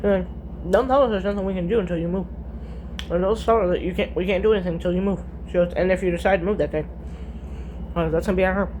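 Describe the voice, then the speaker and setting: A woman's voice: on the low side, fairly even intonation, quick pace, a little mellow, slight background noise. Blunt, chatty middle-aged woman. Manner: chatty, retells conversations with many "I said, she goes"; blunt, swears freely. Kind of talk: casual storytelling.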